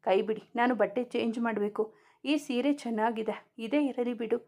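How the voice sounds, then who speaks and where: A woman's voice: fairly high pitch, steady tone, moderate pace, darkish tone, close to an everyday voice. A woman voicing a worn-out young mother of three in a storybook romance, answering in curt, weary retorts. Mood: tired sulky. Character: young mother of triplets, tired and sulky.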